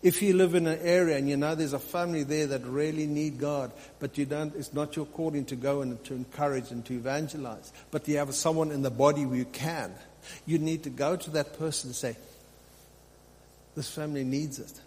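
A slightly high, somewhat mellow male voice speaks a little fast with fairly even intonation. The pastor delivers an unscripted sermon, exhorting listeners and using repetition for emphasis. Recorded during live preaching in a big reverberant room, it has faint hum and noise.

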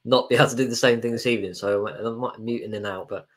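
A man who preaches, chatting casually on a podcast while full of cold, relaxed and self-deprecating. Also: mid-range voice, quick pace. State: has a cold. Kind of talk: casual live-stream chat.

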